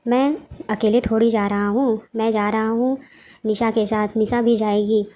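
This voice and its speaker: An annoyed young man about to wed grumbles back at his family, as a woman narrator puts him on. The voice sits somewhat high and stays flat, with a dismissive edge. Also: moderate pace, lightly acted. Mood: irritated.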